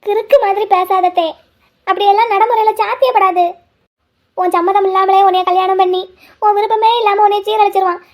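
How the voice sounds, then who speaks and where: A woman's voice: very high voice, steady tone, fairly quick. Fretful cartoon grandmother. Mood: fearful. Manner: wailing, pleading and scolding. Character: worried elderly grandmother, fretful and scolding. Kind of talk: cartoon voice acting.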